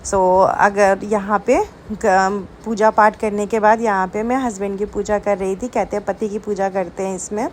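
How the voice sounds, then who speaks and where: A woman's voice: medium pitch, fairly even intonation, moderate pace, few pauses, darkish tone, a little hiss or hum. A young woman from India chatting casually to her viewers in a home vlog. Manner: chatty, addresses viewers as guys. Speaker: vlogger.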